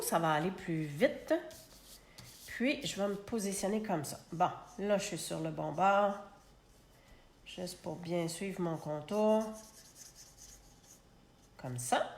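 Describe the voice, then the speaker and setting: Slow-talking Québécois woman demonstrating crafts. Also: on the low side, reverberant, a little hiss or hum. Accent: Québécois French. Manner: chatty, talks to herself while working. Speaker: host of a live card-making demonstration. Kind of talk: live crafting tutorial. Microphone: phone held in a clamp.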